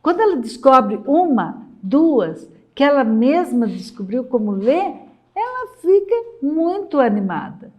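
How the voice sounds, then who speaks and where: A woman's voice: sits high, big pitch swings, measured pace, a little mellow. A middle-aged woman with a Brazilian accent, a literacy educator giving an emphatic lesson for mothers and repeating her key points. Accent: Brazilian Portuguese. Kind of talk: talking-head lesson for mothers.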